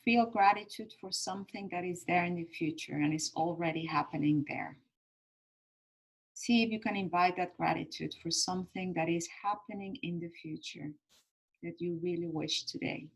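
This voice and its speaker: A woman leading a calm grounding meditation as a guide, speaking gently and soothingly in short phrases with pauses between them. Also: fairly low pitch, creaky.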